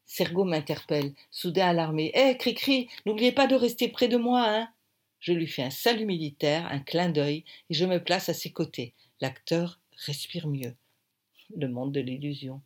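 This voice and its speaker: A woman narrating an audiobook in a lively, wry way. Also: sits low, husky.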